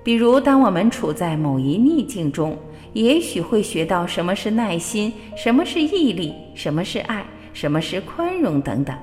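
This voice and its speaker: Expressive woman reading spiritual reflections. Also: medium pitch, normal speed. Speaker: radio host. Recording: long reverb with faint background music. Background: faint music.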